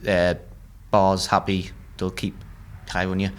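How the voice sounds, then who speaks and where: A man hosting a casual pub podcast, brisk and easygoing. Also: low-pitched, completely flat delivery. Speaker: podcast host.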